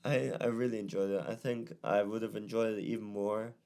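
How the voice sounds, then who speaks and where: A man's voice: lowish voice, brisk, vocal fry. A tired young man co-hosting a podcast, chatting casually and musing aloud with lots of fillers. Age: young adult. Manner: relaxed, musing, many fillers and restarts. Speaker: podcast co-host. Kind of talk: casual chat.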